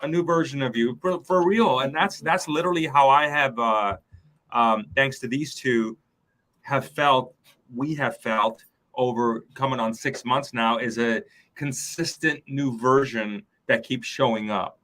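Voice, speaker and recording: A man's voice: medium pitch, measured pace, fairly bright tone. A man hosting an online talk show, speaking enthusiastically and rambling along. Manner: enthusiastic, rambling with many fillers. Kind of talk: casual chat.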